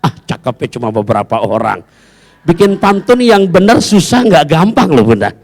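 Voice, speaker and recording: A man's voice: a little high, very animated, normal speed, a little mellow. A man preaching a humorous sermon to a women's study group, joking and reciting playful rhymes. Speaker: Islamic preacher. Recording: long hall reverb.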